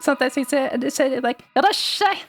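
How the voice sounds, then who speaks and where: A woman's voice: a little high, normal speed, vocal fry, faint music behind. A young woman streaming, chatting casually and rambling, laughing often and swearing freely. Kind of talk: casual livestream chat.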